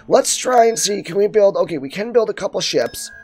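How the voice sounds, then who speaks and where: A man's voice: high-pitched, lively intonation, fairly quick, a little mellow, slight background noise. A young man doing casual let's-play commentary, thinking aloud and muttering asides to himself. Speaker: gaming video host.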